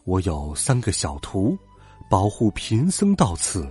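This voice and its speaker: A man doing a soft-spoken humble monk. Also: deep voice, wildly swooping pitch, measured pace, breathy edge, faint music behind, pitched below the performer's own voice, heavily acted. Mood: gentle. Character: gentle, timid old-style monk master, male.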